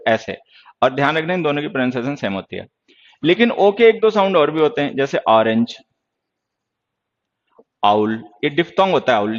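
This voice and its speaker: A man's voice: medium pitch, lo-fi sound. A man teaching English grammar in Hindi during an online class, lecturing sternly and answering viewers' questions.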